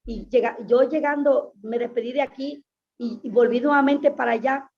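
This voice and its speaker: A woman's voice: high voice, fairly even intonation, moderate pace. A woman pastor giving an earnest, emphatic personal testimony in an interview, often repeating her phrases. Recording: dull lo-fi sound.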